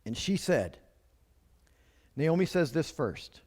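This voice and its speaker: A man's voice: fairly high pitch, big pitch swings, takes it slowly, darkish tone, husky, long reverb tail. A man preaching a sermon as pastor, in a conversational way with rhetorical questions.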